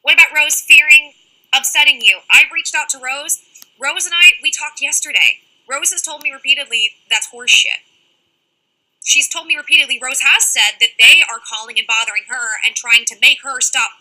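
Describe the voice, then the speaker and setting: High bright woman live-streaming. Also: rough recording. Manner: fast-talking, reads out chat comments and answers them directly. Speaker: livestream host answering chat. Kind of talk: casual livestream chat.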